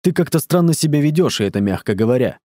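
Male reader as an annoyed audiobook father, stern and sarcastic, dark voice, dry close mic. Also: a little high, animated, quick pace, dry recording, lightly acted. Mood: irritated. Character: irritated middle-aged father, stern and sarcastic.

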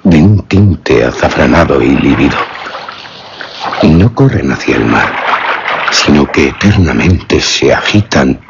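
A man narrating a story in a measured, solemn way. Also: rumbling low, animated, creaky, lo-fi sound, background noise.

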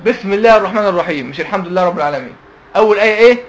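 Egyptian male teacher of a youth Quran class, quick-fire, raised pitch, asks and answers his own questions. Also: lively intonation, highs cut off. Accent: Egyptian Arabic. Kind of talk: religious lesson to youth.

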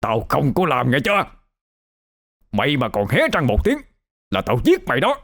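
A man's voice: medium pitch, wildly swooping pitch, normal speed, a bit bright, voice pushed up. A man with a Southern Vietnamese accent voicing a drunken, violent village husband who snarls threats.

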